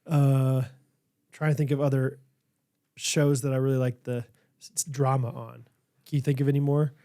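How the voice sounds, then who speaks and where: A man's voice: medium pitch, level tone, normal speed, mellow. A man co-hosting a podcast in casual chat, rambling and tripping over his words. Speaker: podcast co-host.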